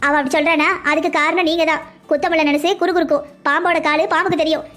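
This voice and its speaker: An outspoken, sharp-tongued middle-aged mother from a family cartoon. She argues bluntly and mockingly in a high, fast voice. Faint music runs underneath. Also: little pitch movement. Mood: angry. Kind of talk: cartoon dubbing.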